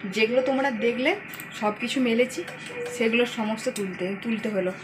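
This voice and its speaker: A woman's voice: fairly high pitch, steady tone, normal speed, background noise. A woman in her thirties, chatting casually to her viewers as she records a home vlog. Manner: chatty, talks straight to viewers. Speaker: family vlogger.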